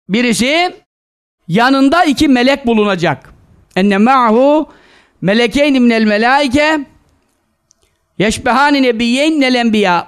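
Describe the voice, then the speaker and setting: A male preacher with a very high voice that leaps up and down, scolding his listeners and firing rhetorical questions at them. He works quoted Arabic scripture into his talk. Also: clean tone. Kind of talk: sermon to a live gathering.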